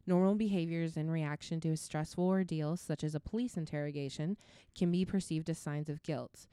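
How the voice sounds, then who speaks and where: A woman's voice: deep voice, warm tone, smooth, no room sound, clean studio sound. A woman co-hosting a casual chat, reading from her notes and breaking off to joke and swear. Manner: reads notes, then jokes and swears. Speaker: podcast co-host.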